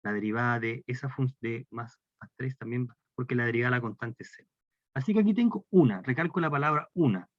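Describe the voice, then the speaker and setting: A man's voice: medium pitch, fast talker, fairly bright tone, dry recording. A man lecturing on calculus with a Chilean Spanish accent, explaining step by step and posing questions to the class. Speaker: math lecturer. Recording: dry, dull lo-fi lecture recording.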